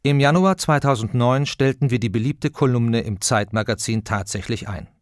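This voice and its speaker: Guy narrating an audiobook, steady measured read, dead dry close mic. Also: medium pitch, no echo.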